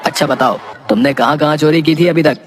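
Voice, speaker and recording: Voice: mid-range voice, a little fast, music in the background, close to an everyday voice. A voice actor playing a smug, boastful male master thief who bosses and lectures his clumsy apprentice in a cartoon. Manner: bossy, lecturing, scolding. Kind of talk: cartoon voice acting.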